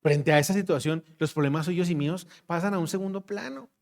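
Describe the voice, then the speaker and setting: A man's voice: a little high, fairly quick, gravelly, darkish tone. A man preaching a sermon, emphatic, repeating his phrases and putting questions straight to the congregation.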